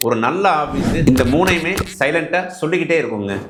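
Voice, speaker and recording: A man's voice: fairly high pitch, lively intonation, fairly quick, echoey room, noisy background. A man with a Tamil accent giving business advice straight to his viewers, asking them rhetorical questions in polite, colloquial speech. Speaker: business coach. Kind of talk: direct-to-camera business advice.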